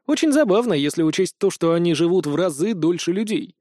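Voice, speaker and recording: A man narrating an audiobook in the first person, dry and even-toned. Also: high voice, brisk, no echo.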